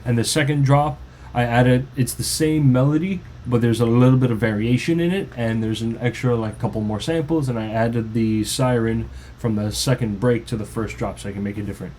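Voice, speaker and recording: This producer speaks briskly in a mid-range, darkish-toned voice, with a little hiss or hum in the recording. He loosely walks through his own song in an informal tutorial, restarting at times, over faint music.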